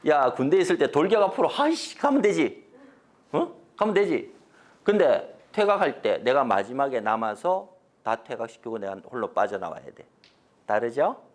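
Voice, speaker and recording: A middle-aged man giving a corporate training lecture, telling stories with loud and soft swings, asking the audience questions. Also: mid-range voice, moderate pace. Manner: animated storytelling, swings from loud to soft, acts out quotes; mixes polite and blunt casual speech, asks the audience questions.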